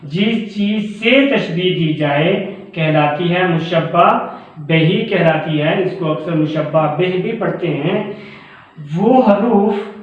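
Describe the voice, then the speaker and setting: Slow, deliberate male grammar teacher. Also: sits high. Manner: deliberate, repeats key terms, addresses students as children. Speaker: Urdu professor. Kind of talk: grammar lecture to students. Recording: very echoey, tinny phone-like sound.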